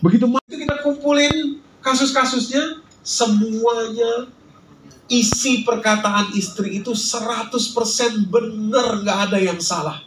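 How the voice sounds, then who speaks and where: A man's voice: very high voice, steady tone, measured pace, background noise. A male Islamic preacher giving a sermon at a study gathering in a restaurant lounge, reciting Arabic verses and explaining them to his listeners. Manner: addresses the audience directly, recites Arabic verses then explains. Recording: roomy echo from a distant mic, faint ambience.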